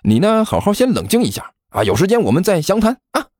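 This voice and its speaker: A man's voice: high voice, huge pitch swings, fast talker, darkish tone, no room sound, clean studio sound, pitched above the performer's own voice, exaggerated voice. A man voicing a chubby, cheeky schoolboy who talks in a glib, mock-innocent singsong. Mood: teasing.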